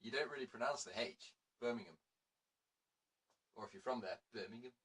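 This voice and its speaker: A man's voice: mid-range voice, fast talker, bright, forceful tone, breathy edge. A man hosting a casual show, chatty and laughing, often correcting himself. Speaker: radio show host. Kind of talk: casual chat.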